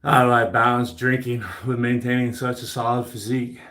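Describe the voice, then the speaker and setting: Man, profane and boastful, mid-pitched voice, roomy echo, home gym livestream. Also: level tone, fairly quick, fairly bright tone. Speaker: fitness livestreamer. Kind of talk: casual workout chat.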